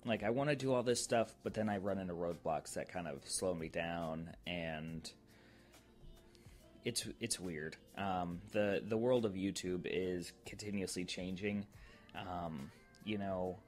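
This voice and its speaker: Deep-voiced guy hosting his podcast, loose and rambly, lots of ums, bit of music in the background. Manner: rambling, many ums and restarts. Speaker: podcast host. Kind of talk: casual solo podcast update.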